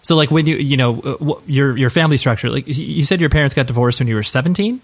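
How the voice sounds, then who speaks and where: A man's voice: medium pitch, quick pace. A man hosts a casual podcast, steering the talk with loose, filler-heavy questions. His voice sits in an ordinary mid range, and he keeps affirming his guest as he goes. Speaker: podcast host, interviewer.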